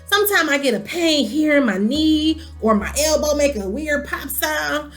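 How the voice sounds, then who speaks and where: A woman in her thirties chatting casually to camera as a vlogger, animated and full of ums. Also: sits high, normal speed, soft background music. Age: 30s.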